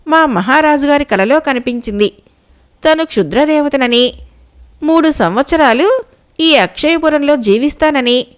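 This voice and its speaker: A motherly old village woman from an audio folk tale, voiced by a woman storyteller. She speaks warmly and pleadingly in a high voice, with little change from the narrator's own.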